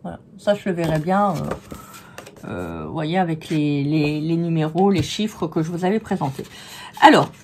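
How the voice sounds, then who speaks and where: Hoarse, chatty woman gushing over crafts. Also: low-pitched, very animated, measured pace, a little mellow, a little hiss or hum. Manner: chatty and gushing, many hesitations. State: hoarse, losing her voice. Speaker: crafting vlogger. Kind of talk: casual product review vlog.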